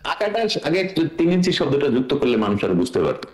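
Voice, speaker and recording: A foul-mouthed man rants at speed on a talk show panel, his voice a bit high. He joins over a video call from an echoey room. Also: very animated, quick pace, darkish tone. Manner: crude, profane, ranting. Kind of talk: heated online talk show discussion.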